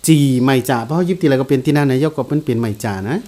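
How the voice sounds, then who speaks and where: A man giving a casual guitar lesson, explaining slowly and repeating note names as he plays. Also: mid-range voice. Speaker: guitar teacher. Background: guitar played along.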